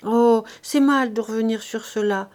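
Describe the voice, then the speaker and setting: A woman's voice: fairly high pitch, fairly even intonation, unhurried, darkish tone, natural voice. A woman reading Louise, tearful and defensive. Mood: pleading tearful. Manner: pleading, near tears. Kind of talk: audiobook reading.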